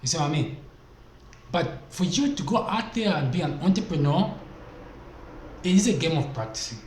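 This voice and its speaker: Speaking at a normal pace in an expressive, higher-leaning voice, this Zambian vlogger offers business advice through a desk mic. His casual motivational address to camera is emphatic and leans on rhetorical questions, recorded in an echoey room with a little background noise.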